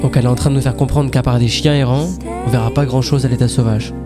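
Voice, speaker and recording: Dude doing vlog voiceover, punchy and slangy, loud music underneath. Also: male voice, mid-range voice, fairly even intonation, fast. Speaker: vlog host and narrator. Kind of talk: voice-over narration.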